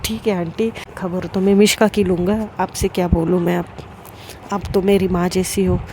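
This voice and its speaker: A woman's voice: on the low side, flat delivery, normal speed, warm tone, slight background noise, close to an everyday voice. A woman voicing Raj, a pushy, playful young man who teases a friend, read in a storybook telling. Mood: teasing.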